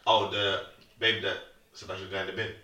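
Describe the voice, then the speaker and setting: A young man with a London roadman accent and slang, chatting casually as a podcast co-host, animated and repeating phrases for emphasis. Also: deep voice, brisk, echoey room, far from the mic. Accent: London roadman, multicultural street slang. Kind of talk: casual group banter.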